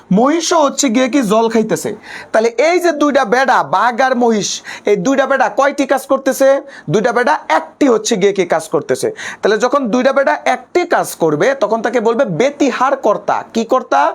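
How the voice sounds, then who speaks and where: A young man with a colloquial Bangladeshi Bengali accent teaching an online exam-prep class, asking questions and answering them himself while repeating a habitual filler phrase. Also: extremely high pitch.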